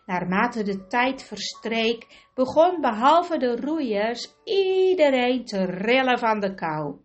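Slow, measured woman narrator. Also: a little high, big pitch swings, highs cut off. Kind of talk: audiobook reading.

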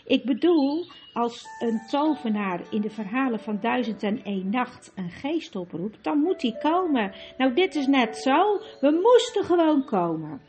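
A woman's voice: high-pitched, sing-song, a little mellow. A woman doing an eager young girl. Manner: eager, quick to speak up.

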